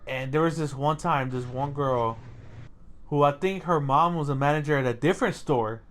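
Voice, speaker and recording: Young man, podcast co-host, casual chat, slightly high voice, relaxed, swears. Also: moderate pace.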